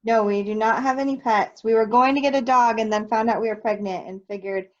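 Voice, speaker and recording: Young woman from nebraska, cheerful teacher guest, slightly high voice, dull lo-fi sound. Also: fairly even intonation, brisk. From Nebraska, United States. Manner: cheerful, easygoing, light laughs. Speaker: third grade teacher, guest. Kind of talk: casual interview answers.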